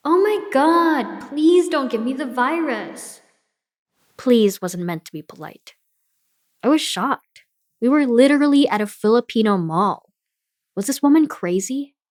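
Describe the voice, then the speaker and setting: A woman's voice: medium pitch, no room sound, clean studio sound. A woman hosting a podcast, telling a personal story in candid, scripted narration. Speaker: podcast host.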